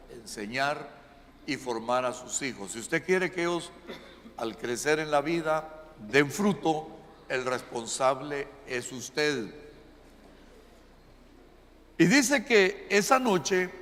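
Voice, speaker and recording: A man's voice: a little high, a bit bright. A man preaching a sermon to his congregation, often asking them "¿verdad?" and calling them brother. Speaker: pastor. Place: church sanctuary. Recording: long reverb of a church hall.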